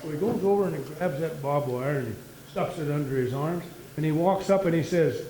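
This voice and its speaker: A man's voice: a little high, a little fast, noisy background, lightly acted. An actor playing a man in a pub telling jokes and laughing at his own punchlines. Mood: jokey. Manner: lively joke-teller who laughs at his own punchlines. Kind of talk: stage play, telling jokes. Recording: echoey room.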